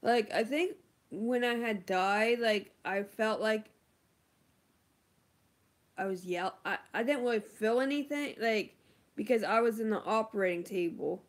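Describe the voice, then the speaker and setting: A woman's voice: on the high side, a little slow. A woman beauty vlogger chatting casually on a livestream, answering viewer comments with lots of ums and likes.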